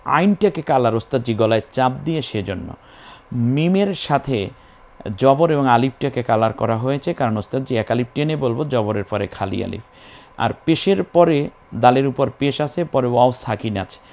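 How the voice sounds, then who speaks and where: A man's voice: medium pitch, expressive, moderate pace, darkish tone. A man teaching Quran recitation, patiently spelling syllables and stretching the vowels as he chants them. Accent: Bangladeshi Bengali.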